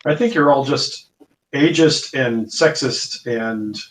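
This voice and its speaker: A man playing a tabletop game, chatting casually and haltingly as he feels for words. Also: mid-range voice, rough recording. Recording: faint background noise.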